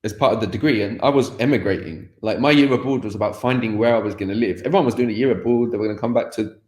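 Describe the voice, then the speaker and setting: This man, a language teacher guesting on a podcast, races through a candid, reflective conversation about his past, with frequent fillers and restarts. His voice is lowish and a little mellow, heard in an echoey room.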